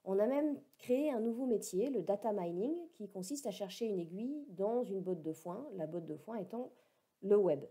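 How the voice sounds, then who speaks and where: A woman's voice: mid-range voice, animated, moderate pace, dark tone, husky. A woman giving a recorded lecture, explaining step by step with wry asides. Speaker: teacher.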